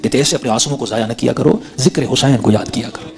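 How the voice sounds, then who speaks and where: A man's voice: medium pitch, creaky. A man preaching, telling a religious story as a sermon in a dramatic way, his voice swelling on the emotional peaks.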